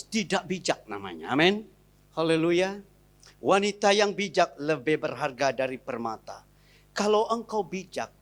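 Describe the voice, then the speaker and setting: A male pastor with a Sarawak Malay accent preaching a lively, joking sermon, acting out little scenes between a wife and husband. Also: fairly high pitch.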